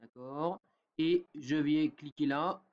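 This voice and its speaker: A man with a somewhat high voice explains a program step by step, like a teacher doing a screen-recorded tutorial. He fills pauses with hesitations and keeps checking in with his viewers. The sound is dull and lo-fi. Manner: talks step by step with many fillers and a repeated "d'accord?". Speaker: software tutorial presenter.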